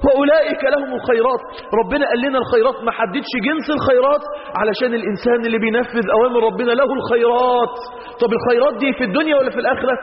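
Fast, high-voiced Egyptian preacher in an echoey hall. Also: male voice. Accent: Egyptian Arabic. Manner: emphatic, repeats phrases, rhetorical questions. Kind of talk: sermon. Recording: echoey hall, dull lo-fi sound.

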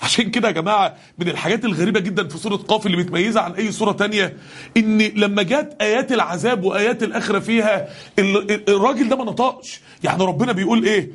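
A man with an Egyptian Arabic accent preaching a passionate sermon to a congregation, his voice climbing to shouts on the key lines. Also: sits high, rapid-fire, slightly rough. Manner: impassioned, rising to shouts on key verses.

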